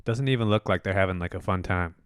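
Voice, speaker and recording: A man hosting a podcast in easygoing casual chat, quick to laugh and riff on jokes, on a close mic. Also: low voice, clear, resonant tone, no room sound. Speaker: podcast host.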